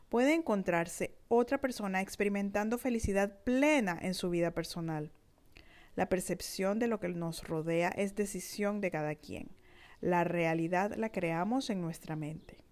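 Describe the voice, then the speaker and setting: A woman narrating a scripted, reflective text in a measured, thoughtful way. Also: medium pitch, a little mellow. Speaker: narrator reading her own reflective text.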